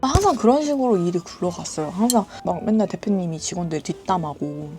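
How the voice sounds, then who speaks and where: A young adult woman casually telling a story from her old job in a chatty, animated way. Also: fairly low pitch, fast, faint music behind. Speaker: storytelling vlogger.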